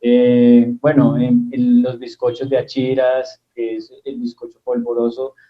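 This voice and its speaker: A man's voice: mid-range voice, monotone, lo-fi sound. Reflective Tolima-accented man. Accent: Tolima Colombian. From Tolima, Colombia. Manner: reflective, self-deprecating, fills pauses with "eh". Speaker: comedian guest. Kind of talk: casual interview chat. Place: at home.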